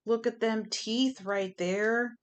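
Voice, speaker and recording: A woman's voice: a little high, steady tone, slow pace, clean tone. A woman giving a chatty pick-a-pile tarot reading, emphatic and fond of repeating her phrases. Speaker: tarot reader.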